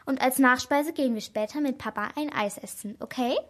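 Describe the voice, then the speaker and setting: A woman's voice: sits high, a little fast, fairly bright tone. A woman reading the lines of a friendly, caring mother in a children's crime story. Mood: affectionate. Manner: friendly, affectionate. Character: warm caring mother of a girl.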